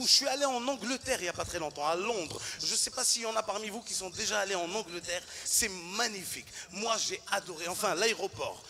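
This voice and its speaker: Ivorian male comedian on stage, bright cutting voice, acts out characters loudly. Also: high-pitched, a little hiss or hum. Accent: Ivorian French. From Ivory Coast. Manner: animated, acts out characters and shouts punchlines. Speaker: stand-up comedian. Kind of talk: stand-up comedy routine.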